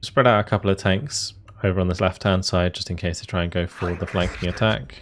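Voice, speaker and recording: A man's voice: low voice, steady tone, fairly quick, slight background noise. A man giving casual commentary on a strategy war game, thinking aloud through his tactical decisions. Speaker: gaming video host.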